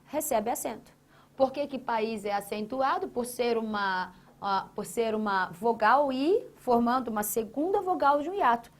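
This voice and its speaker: High-voiced woman teaching grammar. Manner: asks questions and answers them herself; drawn-out syllables while writing on a board. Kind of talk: exam-prep grammar lesson.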